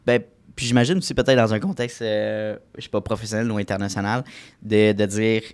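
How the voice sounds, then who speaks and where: A man's voice: on the low side, fairly even intonation, fairly quick, clean tone. Québécois man hosting, chatty. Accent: Québécois French. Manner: chatty, many fillers and restarts. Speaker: podcast host. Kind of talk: podcast interview.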